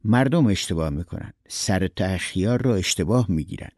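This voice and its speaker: A man's voice: sits low, expressive, darkish tone, no room sound, clean studio sound. A man voicing a blunt, philosophical male friend who lectures. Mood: lecturing.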